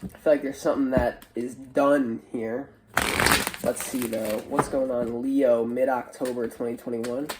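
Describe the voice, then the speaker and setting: An online show host working as a tarot reader talks through a spiritual reading with a stuffy, congested nose that makes her sound nasal. Her medium-pitched voice stays level and a little slow, the delivery casual, chatty and hesitant, with background noise present.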